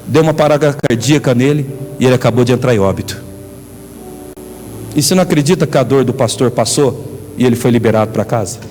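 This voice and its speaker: A male pastor with a Brazilian Portuguese accent, preaching an animated sermon and calling on the congregation to respond. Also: medium pitch, fast talker, pauses often. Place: church. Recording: church hall reverb, faint music.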